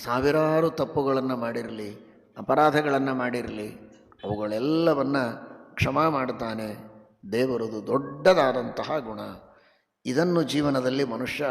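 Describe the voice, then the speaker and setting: Gravelly-voiced man preaching in a hall. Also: mid-range voice. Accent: North Karnataka Kannada. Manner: chants Sanskrit verses slowly, swings between loud stress and soft asides. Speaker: religious teacher giving a discourse. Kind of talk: devotional sermon. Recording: long hall reverb.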